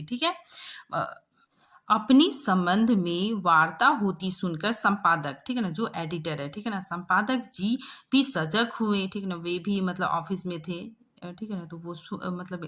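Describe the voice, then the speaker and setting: A young woman teaching a textbook chapter, explaining line by line and often checking in with a quick tag question. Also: medium pitch, a bit bright.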